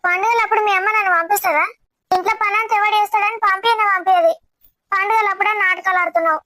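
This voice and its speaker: A whiny young wife begs her husband to let her go home for a week, as a woman acts her out. Her voice sits very high and she keeps pushing, insistent and pleading. The sound is dry, with no room around it. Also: steady tone, fast talker, bright, forceful tone, dry recording. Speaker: actor in a family comedy drama. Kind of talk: amateur family drama acting.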